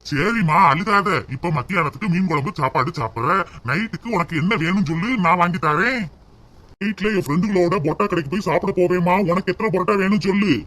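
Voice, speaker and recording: A man's voice: sits high, fast talker, fairly bright tone, a little hiss or hum. A man voicing a coaxing cartoon son. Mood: placating. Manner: placating, coaxing. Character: village fishmonger and easygoing grown son. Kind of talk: cartoon comedy voice acting.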